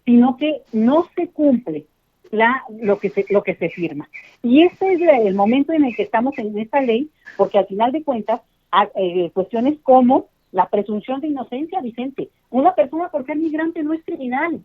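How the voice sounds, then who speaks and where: A woman's voice: a little high, animated, normal speed. Emphatic woman over a phone line. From Mexico. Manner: emphatic, explanatory, addresses listeners directly. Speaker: expert guest. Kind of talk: phone-in interview. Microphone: telephone.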